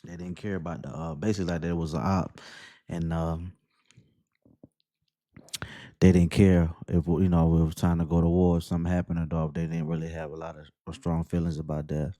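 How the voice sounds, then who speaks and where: Laid-back male commentary host, low and flat, dry close sound. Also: a little fast, no room sound. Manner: laid-back, rambling, laughs at guests. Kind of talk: casual reaction commentary.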